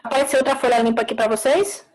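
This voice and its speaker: A woman teacher giving a live online class, explaining slowly, repeating words and checking with short tag questions. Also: on the high side, fairly even intonation, a little mellow, low-quality recording.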